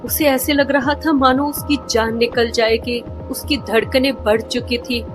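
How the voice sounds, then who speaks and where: A woman narrating a story summary in a dramatic, expressive storytelling manner. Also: on the high side, unhurried. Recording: soft background music.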